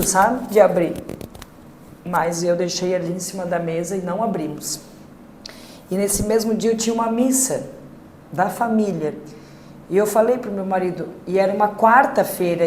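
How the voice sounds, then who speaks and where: A Brazilian woman telling her family story as a podcast guest, halting and emotional, with many fillers. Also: mid-range voice, a little mellow, slight background noise. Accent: Brazilian Portuguese. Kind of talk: personal testimony in a podcast. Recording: echoey room.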